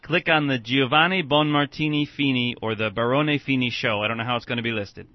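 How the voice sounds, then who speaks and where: A man's voice: mid-range voice, a little fast, dry recording. A man with an American accent hosting a casual radio interview. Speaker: radio show host. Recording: dull lo-fi radio sound.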